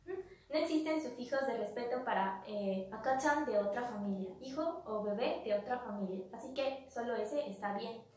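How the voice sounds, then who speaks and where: Patient female language teacher, repeats each term; bright-ish voice, echoey room, mic at a distance. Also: on the high side, normal speed. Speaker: Japanese teacher. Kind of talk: vocabulary lesson.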